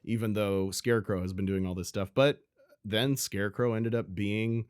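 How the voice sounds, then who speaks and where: A man's voice: fairly low pitch, fairly even intonation, moderate pace, darkish tone, clear, resonant tone, no room sound, clean studio sound. A man co-hosting a podcast, chatting casually about a film in a rambling way, full of "you know" and restarts. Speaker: podcast co-host. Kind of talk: casual movie chat.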